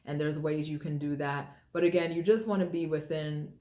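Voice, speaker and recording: A woman's voice: low voice, steady tone, moderate pace, mellow. A woman hosting a health show, explaining weight and calories in a casual, conversational way, restarting phrases and repeating key figures. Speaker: host and health educator. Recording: roomy echoey sound.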